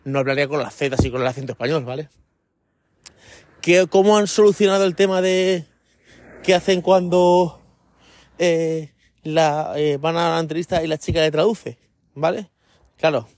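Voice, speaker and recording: A man's voice: a little high, a little mellow, no room sound. Man, podcast host, rambling casual monologue, checks in with listeners, walking outdoors, dry close sound.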